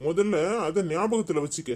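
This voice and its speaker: A man's voice: on the high side, moderate pace, natural voice. Man voicing an earnest cartoon elder brother. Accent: Tirunelveli Tamil. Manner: earnest, questioning.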